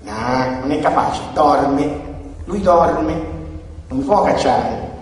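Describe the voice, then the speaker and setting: A man's voice: fairly high pitch, lively intonation, slow pace, pitched below the performer's own voice. A man voicing a stubborn, childish alien "little voice" that curtly refuses to answer. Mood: smug. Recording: echoey hall, distant mic, faint noise.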